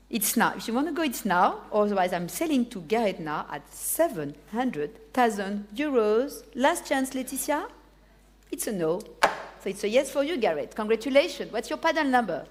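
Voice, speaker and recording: A woman auctioneer with a French accent, a native French speaker, calling bids live, repeating figures and prompting bidders by name. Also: medium pitch.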